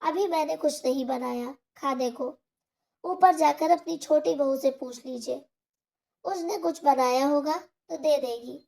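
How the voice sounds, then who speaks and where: A woman's voice: high voice, a little slow, gravelly, darkish tone. A woman voicing a harsh, scolding daughter-in-law.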